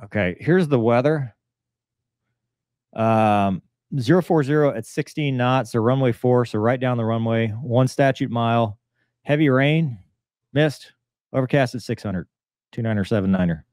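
Over a video call from a small room in his home, a forties-aged ex-fighter and airline pilot hosts, explaining things casually and conversationally with plenty of pilot jargon. His mid-range, darkish voice is unhurried and broken by long pauses. The recording is dry and clean, studio-like.

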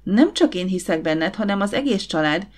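A woman voicing a confident, warm young woman who runs a catering business, in an audiobook. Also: medium pitch, animated, close to an everyday voice. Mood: warm brisk. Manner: brisk, encouraging.

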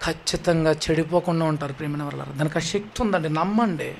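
Man preaching, high voice, pleading rhetorical questions, sudden rises and drops, faint background hiss. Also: fairly even intonation, fast talker, creaky. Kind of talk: sermon.

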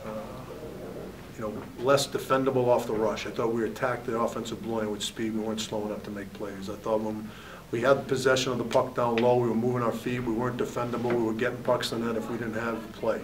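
Fast and level in tone, with a medium pitch, a head hockey coach in his forties answers postgame questions openly and says "you know" often. Background noise fills the press room with a backdrop, and the table mic is far from him.

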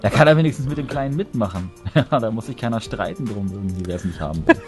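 Chatting and teasing his friends while they play a game together, this let's play gamer jokes and rambles casually. His voice runs on the low side with lively intonation and a quick pace, carried over voice chat with faint music in the background.

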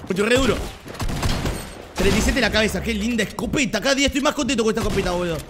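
A young Argentine man streaming a game live, chatting in slang, repeating himself and breaking into sudden loud outbursts. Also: high-pitched, racing, noisy background. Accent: Argentine Spanish. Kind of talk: live gameplay streaming chat.

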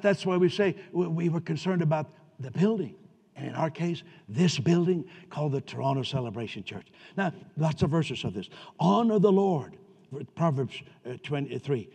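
A man's voice: a little high, slightly rough. Preaching man in a reverberant church hall. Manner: conversational preaching that rises to loud emphatic peaks. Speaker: pastor. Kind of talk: sermon. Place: church sanctuary. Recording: distant hall reverb, dull sound.

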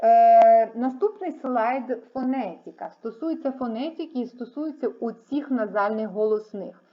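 A woman's voice: a little high, normal speed. A woman teaching French, explaining patiently and repeating each word so students can follow. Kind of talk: online language lesson. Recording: dull lo-fi sound.

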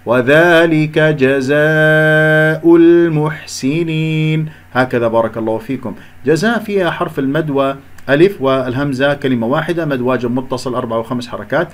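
A man teaching Quran recitation. He explains each letter and sound, recites slowly to demonstrate and corrects common mistakes. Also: medium pitch. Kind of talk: recitation lesson with slow demonstrations.

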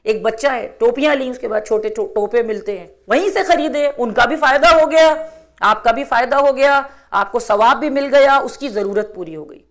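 A middle-aged woman with a slightly high voice delivers a religious talk to a gathering of women. She speaks earnestly and exhorts her listeners, repeating key phrases for emphasis.

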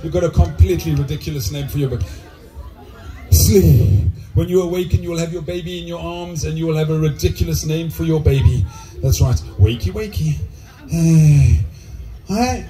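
A man's voice: a little high, fast talker, dark tone, faint music behind. A man performing as a stage hypnotist, coaxing volunteers with commands and countdowns at a live show. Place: live show venue with audience.

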